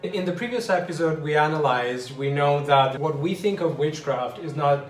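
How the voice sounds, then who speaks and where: Man hosting a chat show, joking and opinionated, fairly high pitch, roomy sound with faint music. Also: normal speed. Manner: joking, opinionated, restarts sentences. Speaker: podcast host. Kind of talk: casual chat.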